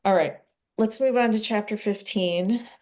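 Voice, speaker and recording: A woman's voice: medium pitch, unhurried, darkish tone. A woman hosting a casual book club discussion, explaining ideas and acting out short examples from her own marriage.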